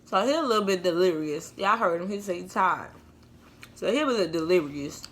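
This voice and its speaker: A woman's voice: lowish voice, animated, moderate pace, fairly bright tone. Young woman talking to her viewers at home, chatty mukbang vlog, faint hiss behind. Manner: chatty, direct, talks to the viewers. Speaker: vlogger hosting a mukbang. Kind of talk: casual chat to viewers.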